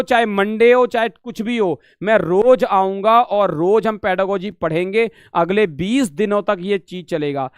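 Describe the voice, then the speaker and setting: A man leads a live online exam-prep lesson in a high, resonant voice. He repeats each point, keeps asking whether students have understood and turns the questions back on them. The sound is dry and close. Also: clear, resonant tone, no echo. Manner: repetitive, asks "samajh gaye?" often, calls students beta; drills questions back at the class. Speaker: Sanskrit teacher.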